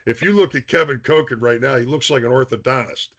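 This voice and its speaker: A man's voice: mid-range voice, fast talker, a bit bright, lo-fi sound. A man hosting a podcast, telling jokey team stories in casual chat, with lots of "hey" and restarts. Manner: joking storyteller, many restarts and "hey".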